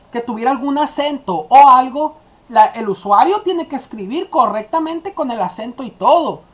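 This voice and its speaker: Woman, teacher, step-by-step coding tutorial, talks straight to students, slightly high voice. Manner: explaining step by step, addressing students directly. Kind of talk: screen-recorded coding tutorial.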